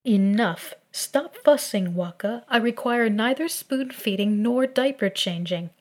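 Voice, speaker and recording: A proud, stern young woman who has been left weak, read by a woman telling a story. She speaks quietly, in short and clipped words, with a peevish edge. The pace is slow. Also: fairly high pitch, natural voice.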